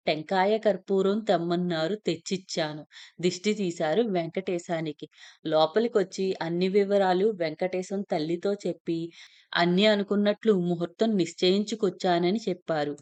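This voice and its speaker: A woman narrating a first-person story in a steady, plain telling voice. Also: fairly low pitch.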